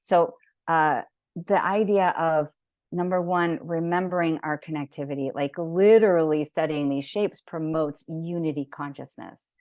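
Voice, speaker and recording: Low-voiced woman teaching an online class. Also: steady tone, a little slow, a little mellow, no room sound, studio quality. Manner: rambling, enthusiastic, many fillers and restarts. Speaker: sacred geometry teacher.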